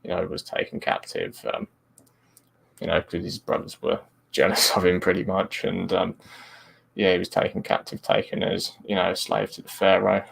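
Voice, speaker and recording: A man hosting a casual livestream Bible study, reading scripture aloud and talking it over with halting, stumbling speech and many fillers. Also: sits low, fairly even intonation, vocal fry, a bit bright, husky, low-quality recording.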